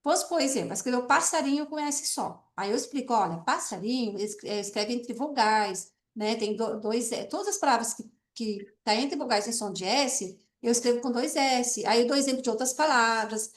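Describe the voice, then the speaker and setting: A woman lecturing as a teacher, her voice high and bright above the usual. She explains step by step, often pausing to check that her listeners follow. The sound is roomy, with a clear echo around her. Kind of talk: online class lecture.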